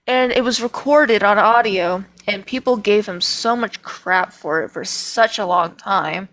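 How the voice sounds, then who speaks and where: A woman's voice: mid-range voice, measured pace, fairly bright tone, rough recording. A woman co-hosting a casual podcast chat, telling stories with emphatic, opinionated views. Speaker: podcast co-host.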